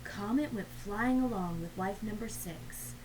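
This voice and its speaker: Reading a picture book aloud to children at an unhurried pace, a woman with a medium-pitched voice tells the story expressively and slips into hushed little asides. Noticeable background noise is present throughout.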